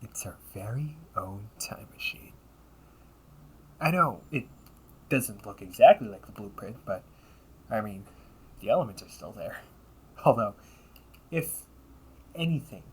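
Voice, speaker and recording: A man voices a weary, earnest time-traveling older brother turned villain in an amateur audio roleplay recorded noisily at home. Speaking haltingly in a lowish voice with lively intonation, he sounds proud and hushed, frequently dropping to a breathy near-whisper.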